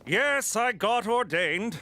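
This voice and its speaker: A man's voice: high voice, lively intonation, takes it slowly, pushed and bright, a little hiss or hum, heavily acted. A man voicing a wry, defensive wedding officiant in a cartoon, dry and impatient.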